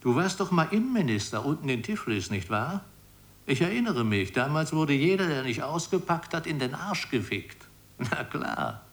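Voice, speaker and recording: A man's voice: on the high side, big pitch swings, moderate pace. An actor playing a blunt, crude male justice minister who talks on the phone in a satirical radio play. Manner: blunt, coarse, matter-of-fact.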